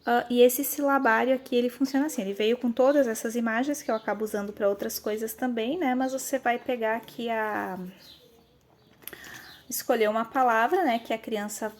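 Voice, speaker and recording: Brazilian woman, educator, casual phone demo; slightly high voice, walks through children's materials. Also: steady tone, slight background noise. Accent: Brazilian Portuguese. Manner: explanatory, frequent tag questions, counts aloud slowly as for children. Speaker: educator showing teaching materials. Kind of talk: casual demonstration of classroom materials. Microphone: handheld phone camera, filming one-handed.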